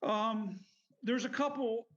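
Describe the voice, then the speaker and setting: A middle-aged man telling personal stories in an interview in a halting, meandering, self-correcting way. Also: very high-pitched. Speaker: military veteran interviewee. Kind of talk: rambling personal storytelling interview. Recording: dull lo-fi audio.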